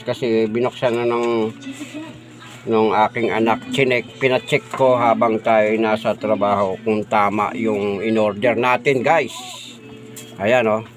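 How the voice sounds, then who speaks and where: Chatty man testing a mic. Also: medium pitch. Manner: chatty and repetitive, says "guys" and "oh, di ba" often; does mic sound checks, sometimes stepping away from the mic. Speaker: vlogger showing off a new microphone. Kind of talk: casual unboxing vlog.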